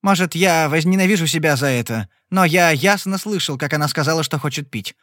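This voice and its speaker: A man voicing a charming young gambler in an audiobook, smooth and mocking. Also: on the high side, fairly quick, a bit bright, no room sound, clean studio sound, natural voice. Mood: cool. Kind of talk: audiobook character voice.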